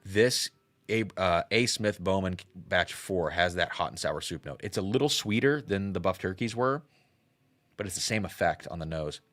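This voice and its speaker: A man's voice: deep voice, lively intonation, normal speed, fairly bright tone, dry recording, soft background music. A man in his thirties hosting a casual livestream tasting, thinking aloud and reacting to chat. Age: 30s. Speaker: host.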